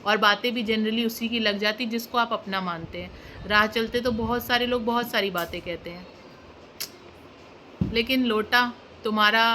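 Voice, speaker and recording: A woman's voice: mid-range voice, bright, forceful tone, slight background noise. A woman YouTube reaction creator ranting straight to camera, scolding and indignant, repeating phrases for emphasis. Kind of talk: emotional direct-to-camera rant.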